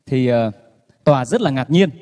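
A man telling jokes to an audience in a relaxed storytelling way, with many fillers. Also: mid-range voice, moderate pace, in a large hall. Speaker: joke teller.

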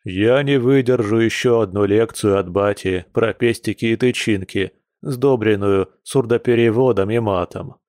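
A man's voice: lowish voice, moderate pace, few pauses, darkish tone, dry recording, clean studio sound, close to an everyday voice. A man playing a groaning hungover werebear. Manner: groaning, mournful. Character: hungover male bear werewolf, gloomy and self-pitying.

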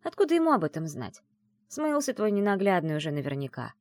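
A woman reading an audiobook and voicing a brash, teasing young woman who is the heroine's best friend, talking in a loud, mocking, bossy way. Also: lowish voice, huge pitch swings, quick pace, no room sound, clean studio sound, voice pushed up.

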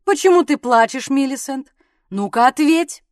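A woman voicing a loud drunken bully husband. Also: high voice, normal speed, dry recording, clean studio sound, natural voice. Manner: shouting, blustering and rough. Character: drunken brutish English gentleman husband, bullying.

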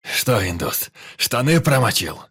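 A man reading an audiobook, voicing a hot-tempered wounded bearded fighter who shouts roughly and boasts. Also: medium pitch, sing-song, measured pace, no room sound, studio quality, pitched above the performer's own voice, full character voice. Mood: raging. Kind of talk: audiobook character voice.

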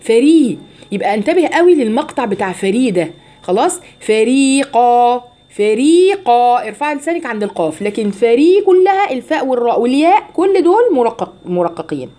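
Egyptian woman teaching recitation, mellow voice. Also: fairly high pitch, big pitch swings. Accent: Egyptian Arabic. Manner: drawn-out syllables repeated slowly as drills; asks and answers her own questions. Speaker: Quran recitation and tafsir teacher. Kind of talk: teaching Quran recitation rules.

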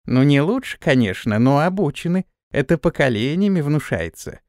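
Sharp-tongued maidservant, as a male reader puts her on: preachy, pitched up, lively. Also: moderate pace, dry recording, studio quality. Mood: lecturing. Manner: scolding, preachy. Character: sharp-tongued blunt female servant.

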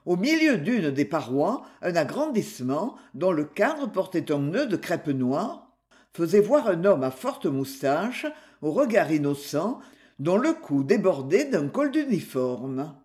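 A reader narrating a crime novel in a slow, expressive storytelling manner. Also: mid-range voice. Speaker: audiobook reader.

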